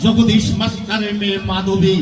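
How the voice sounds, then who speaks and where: A man acting a lecherous, boastful, menacing villain in hammy, declamatory folk-theatre style, with drawn-out words and sudden swells. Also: sits high, little pitch movement, far from the mic, natural voice. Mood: leering, gloating. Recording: echoey stage PA from afar, music, crowd.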